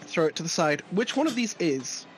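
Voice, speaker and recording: A man's voice: high-pitched, big pitch swings, brisk, slight background noise. A man playing a tabletop game, chatting casually in and out of character.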